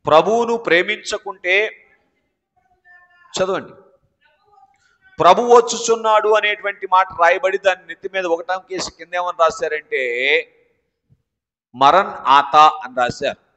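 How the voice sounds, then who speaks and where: A man's voice: sits high, unhurried, long pauses, sharp tone. A man with a Telugu accent preaching a sermon with emphasis, often calling out to the congregation for responses. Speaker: pastor. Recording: muffled sermon audio with long hall reverb.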